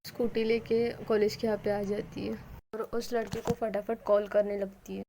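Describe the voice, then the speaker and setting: A woman casually narrating a love story in a chatty, lively way. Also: medium pitch, moderate pace, noisy background.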